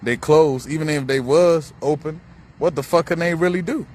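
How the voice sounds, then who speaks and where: A man's voice: fairly high pitch, normal speed, a little mellow. A man talking in a rambling, profane outdoor monologue, musing on spirituality and repeating himself as his thoughts drift. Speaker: vlogger. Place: outdoors beside a busy road. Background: faint passing traffic.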